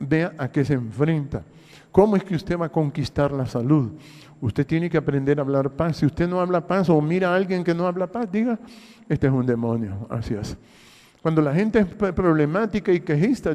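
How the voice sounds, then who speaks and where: An older man with a Honduran accent, a pastor delivering an emphatic sermon full of rhetorical questions and repeated phrases, his voice rising in loud bursts and dropping to low murmurs. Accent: Honduran Spanish. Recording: long hall reverb.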